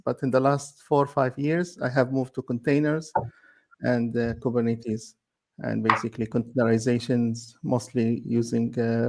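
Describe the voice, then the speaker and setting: A man from Libya talks in a gravelly, mid-pitched voice. He speaks haltingly, with many fillers, as a guest on an online panel call. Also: darkish tone. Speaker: guest expert. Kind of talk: casual online panel chat.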